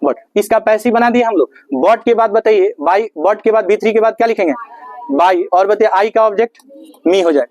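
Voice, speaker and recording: A man's voice: high voice, moderate pace, darkish tone, dull audio. A man teaching English grammar in a classroom lesson, asking questions and answering them himself. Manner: asks questions and answers them himself, repeats key words; calls listeners "babu".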